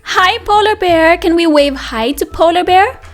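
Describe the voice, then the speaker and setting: Very high-pitched and speaking at normal speed, a woman reads aloud as a preschool teacher, addressing small children sing-song style with questions and repetition. Faint music plays behind this interactive children's read-aloud lesson.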